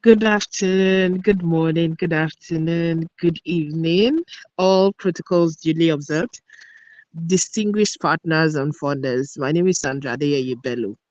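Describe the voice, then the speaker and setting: Woman giving a formal pitch, dull lo-fi audio. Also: measured pace, a little mellow, dry recording. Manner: formal, ceremonious. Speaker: founder pitching a project.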